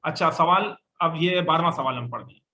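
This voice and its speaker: A man's voice: fairly high pitch, brisk, pushed and bright. A male Arabic teacher leading a classroom grammar lesson, drilling students with questions and having them repeat answers back.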